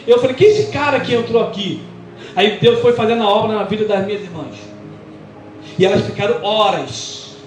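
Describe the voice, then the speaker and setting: High-voiced Brazilian pastor preaching testimony. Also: male voice, noisy background. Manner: animated storytelling, acting out quoted dialogue. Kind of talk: sermon testimony. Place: church. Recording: echoey church with music behind. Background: music.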